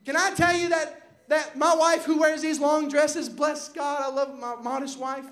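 Young male preacher, strikingly high voice, fervent and shouting, voice wearing thin. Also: steady tone, normal speed. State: losing his voice. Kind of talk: Pentecostal sermon.

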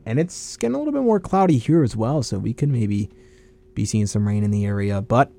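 A man's voice: fairly low pitch, lively intonation, a little fast, creaky, dark tone. A man co-hosting a casual sports talk show in a matter-of-fact, skeptical way. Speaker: sports radio co-host.

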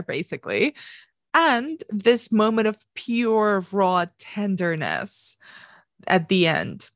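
A woman's voice: fairly low pitch, dry recording, clean studio sound. A woman, co-hosting a podcast and talking through a film in a casual, earnest way with lots of restarts. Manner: earnest, animated, many restarts. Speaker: podcast co-host.

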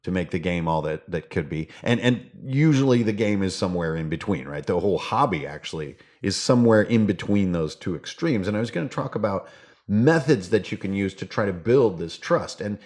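Low-voiced, playful man hosting a podcast. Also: animated, brisk, a little mellow. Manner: playful, theatrical, slangy. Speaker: podcast host. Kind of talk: casual, rambling tabletop gaming podcast talk.

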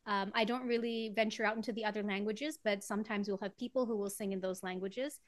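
A woman's voice: medium pitch, fairly even intonation, quick pace, no echo. Woman from trinidad, singer guest, chatty, laughs a lot, dry close recording. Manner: chatty, laughs often while explaining. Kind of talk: casual interview conversation.

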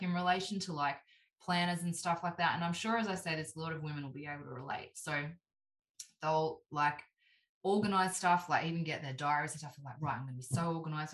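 Chatty woman with a lowish voice, roomy sound. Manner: animated, heavy use of "like", acts out quoted voices. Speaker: podcast guest. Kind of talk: casual chat. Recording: roomy echo.

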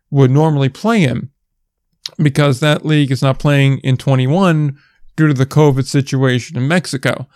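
A man's voice: mid-range voice, darkish tone, smooth, no echo. A man hosting a casual sports podcast, explaining things at length with dry asides. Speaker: podcast host.

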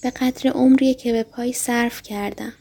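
A woman's voice: high voice, expressive, dark tone. The Little Prince, as a woman puts him on. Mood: solemn. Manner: earnest, proud, insistent. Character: earnest young boy prince. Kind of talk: storybook reading.

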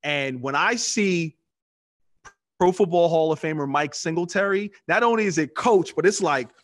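A man with a slightly higher than usual pitch hosts an interview. He listens closely and answers his guest with short affirmations. He asks his questions in an easy conversational way. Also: normal speed.

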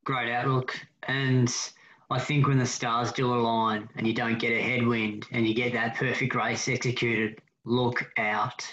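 Easygoing male interviewer, slow and roomy. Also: mid-range voice, level tone, fairly bright tone. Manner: encouraging, easygoing. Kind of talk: casual interview talk. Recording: dull, roomy audio.

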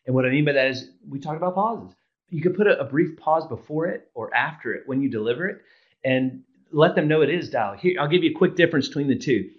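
A man's voice: on the high side, expressive, fast, highs cut off. A man coaching on public speaking, explaining with examples in casual chat. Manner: explains with examples, laughs often.

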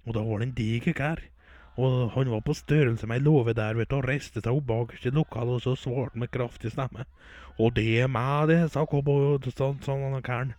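A man's voice: medium pitch, fairly even intonation, warm tone, no room sound. A man telling rambling folksy jokes in a casual comic style. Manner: rambling folksy joke-telling with filler words. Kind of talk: comic storytelling and sports commentary.

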